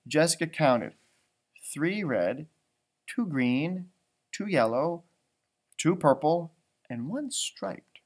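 Reading a children's storybook to schoolchildren in a small indoor library room, an American man in his thirties is animated and expressive, commenting on the pictures in chatty asides. He speaks slowly in a slightly high voice, pausing often.

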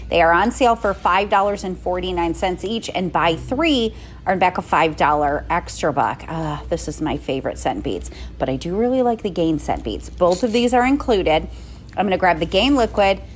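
A woman's voice: fairly low pitch, a little hiss or hum. A middle-aged woman narrates her shopping run in an easygoing, chatty way, counting out prices and savings one item at a time. She talks into a phone she holds herself as she walks through a store. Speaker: couponing vlogger. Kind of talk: casual shopping vlog narration. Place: inside a drugstore, walking the aisles.

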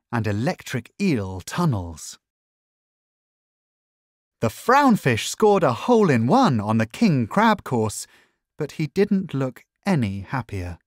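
Slow, lilting storybook reader. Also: mid-range voice, no echo, clean studio sound. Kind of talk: children's book read aloud.

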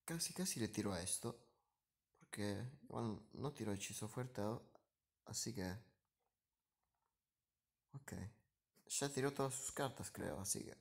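A man's voice: fairly low pitch, expressive, a little slow, gravelly, pauses often. A man talks over his own gameplay in a running commentary. He drops to mutters between moves and jumps up in energy whenever the action swings, repeating short phrases as he goes. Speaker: gaming streamer.

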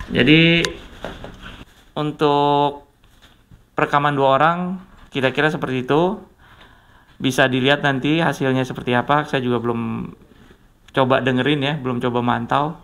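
A man's voice: medium pitch, fairly even intonation, normal speed, pauses often, fairly bright tone. A man giving a casual product review, chatty and addressing viewers often. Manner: chatty, says "guys" a lot. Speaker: tech reviewer.

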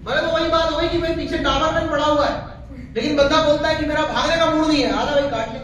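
A man giving an energetic, joking motivational speech to a live audience in a hall. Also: extremely high pitch, quick pace. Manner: energetic, jokey and preachy. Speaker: motivational speaker. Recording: very echoey hall, distant mic, faint noise.

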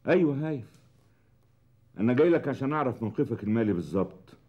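An actor playing a pragmatic, measured lawyer advising a client, in a TV drama. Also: male voice, mid-range voice, lively intonation, lo-fi sound, lightly acted. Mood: calm. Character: shrewd calm lawyer. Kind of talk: TV drama acting.

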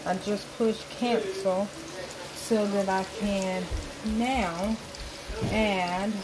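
A woman's voice: mid-range voice, steady tone, very slow. Chatty Southern woman cooking at home. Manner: chatty, explains each step to viewers. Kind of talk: casual cooking demonstration. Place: home kitchen. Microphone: handheld phone camera. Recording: noisy kitchen phone recording.

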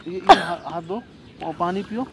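A man's voice: high voice, very animated, moderate pace, gravelly. A man talking worriedly and insistently in casual home video talk. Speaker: prank target. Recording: noisy home video recording.

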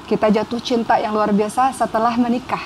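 A woman's voice: fairly high pitch, level tone, brisk, slight background noise. A woman giving religious advice on a talk show, emphatic and repeating phrases for effect. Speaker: female religious teacher guest.

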